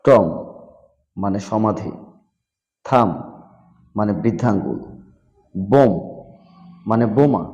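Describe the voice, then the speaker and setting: A man teaching vocabulary at an unhurried pace, saying each word twice and then giving its meaning. His voice is dark and mellow, at a middle pitch. The room adds a long, trailing reverb. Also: lively intonation. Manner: repeats each word and its meaning, mixing in English phrases. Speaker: English teacher. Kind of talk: slow classroom explanation of vocabulary.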